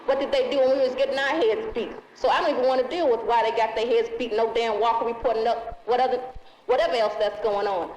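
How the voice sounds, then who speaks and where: A woman's voice: fairly high pitch, steady tone, fast, a little mellow, slight background noise. A woman activist giving an impassioned, angry and blunt speech. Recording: roomy lo-fi 1960s film sound.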